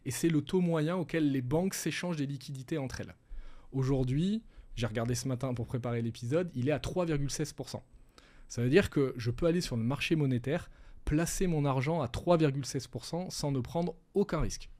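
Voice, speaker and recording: A man's voice: medium pitch, brisk, a little mellow. A middle-aged man, a guest advisor, explaining things step by step in a casual interview. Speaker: wealth management advisor, guest.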